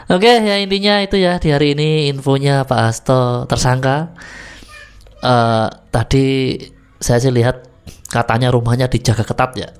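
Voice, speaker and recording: A man's voice: medium pitch, a little slow, smooth. A man doing casual reaction commentary on clips for his viewers, chatty and laughing often. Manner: giggly, chatty, frequent laughter.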